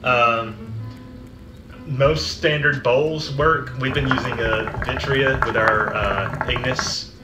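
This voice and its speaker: A man giving a casual, conversational product review. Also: mid-range voice. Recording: roomy echo, music behind. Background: music.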